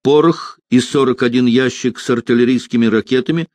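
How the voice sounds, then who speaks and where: A man voicing a brisk, formal male naval officer in an audiobook. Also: medium pitch, darkish tone, no echo, voice pushed up, lightly acted.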